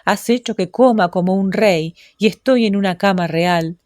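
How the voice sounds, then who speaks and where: A woman's voice: mid-range voice, normal speed, darkish tone, dry recording, studio quality, lightly acted. A woman reading as a poor hungry duke. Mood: weary, wistful. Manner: muttering thoughts aloud, weary. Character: poor hungry duke, grown man, wistful. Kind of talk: storybook reading.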